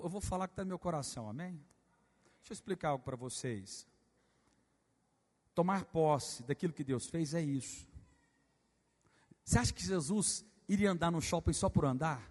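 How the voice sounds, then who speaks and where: A Brazilian man, a pastor, preaching a sermon in a church, moving from quiet storytelling to loud, fervent exhortation. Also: a little high, in a large hall. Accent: Brazilian Portuguese. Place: church sanctuary.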